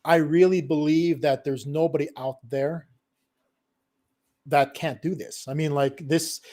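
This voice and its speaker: On a live business stream, a middle-aged digital marketing consultant of Filipino heritage speaks with animation and emphasis, his voice pitched on the high side. He punctuates his points with "okay?" and "right?" and laughs a lot.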